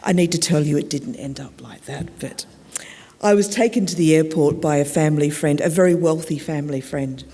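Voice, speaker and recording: A woman from South Australia with an Australian accent, giving a reflective personal storytelling talk as a keynote speaker, measured and pausing for effect. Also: sits low, dark tone. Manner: reflective, measured, with dramatic pauses. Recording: echoey hall.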